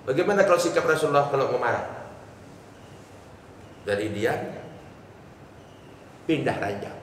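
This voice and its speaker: A man's voice: mid-range voice, expressive, a little slow. A man preaching a humorous sermon, joking and asking the congregation questions in a mosque hall. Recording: echoey hall from far off, faint noise.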